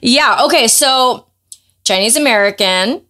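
A middle-aged woman hosting a podcast in loose, excitable casual chat, quick to laugh. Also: fairly high pitch. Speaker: podcast host.

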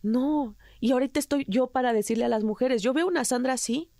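A woman's voice: high-pitched, a little fast, warm tone, no room sound, studio quality. A Mexican woman with a Mexican accent, an interview guest telling her story earnestly and emotionally, often restarting her sentences. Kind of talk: candid personal interview.

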